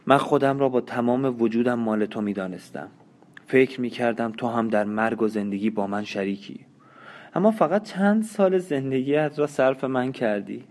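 A man's voice: mid-range voice, darkish tone, lightly acted. Man voicing a shaken, bitter young woman.

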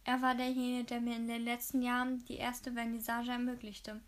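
A woman's voice: on the high side, completely flat delivery, brisk, close to an everyday voice. A woman reading the lines of a grieving young female artist, tearful and shaken.

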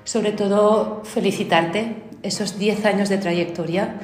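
A woman hosts a podcast and welcomes her guest in a warm, heartfelt way. Her voice has a roomy echo, and faint music plays underneath. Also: mid-range voice, fairly even intonation, takes it slowly. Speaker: podcast host. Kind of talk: podcast interview. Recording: echoey room with faint music.

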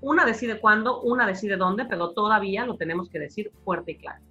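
A Mexican woman with a Mexican accent, an academic guest explaining her views in a lively conversational interview. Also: medium pitch, a little fast, breathy edge, lo-fi sound, faint music behind. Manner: animated explainer, acting out quoted voices.

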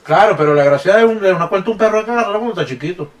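A man's voice: sits high, expressive, rapid-fire, recorded from a distance. A man with a Venezuelan accent, co-hosting a podcast in casual, joking, slangy banter. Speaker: podcast co-host. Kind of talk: casual chat.

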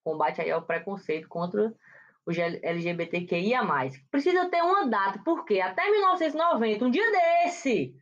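A woman's voice: medium pitch, expressive, moderate pace, dull audio. A woman hosting a casual gossip chat, chatty and dramatic, with exclamatory asides. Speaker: gossip show host.

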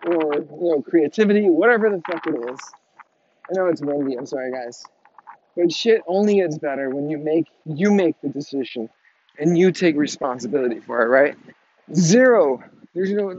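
A man's voice: on the high side, breathy edge, dull audio. A man giving a blunt motivational monologue to his viewers outdoors, swearing freely and tagging his points with "right?". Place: outdoors in the wind.

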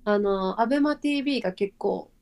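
A woman with a Kansai accent co-hosting a podcast, excitedly retelling events with little exclamations. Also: medium pitch, a little fast. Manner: excited play-by-play retelling with sound effects. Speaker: podcast co-host. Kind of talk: casual chat.

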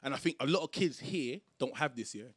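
A man's voice: medium pitch, lively intonation, fairly quick, breathy edge, no room sound, clean studio sound. A young man with a London roadman accent, telling stories in a slangy, emphatic, sweary way in a casual group chat. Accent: London roadman, Multicultural London English.

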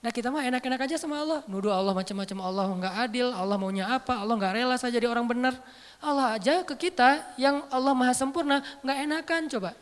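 Seorang ustadz pria menyampaikan ceramah agama dengan santai, hidup, dan penuh canda. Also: male voice, very high voice, fast, smooth. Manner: animated, joking, conversational. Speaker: Islamic preacher. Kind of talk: casual religious talk. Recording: roomy hall with long reverb.

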